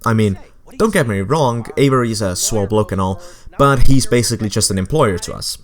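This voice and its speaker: A man's voice: on the low side, a little fast. A young adult man narrating a video game essay with sarcastic, wry asides. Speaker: game commentator.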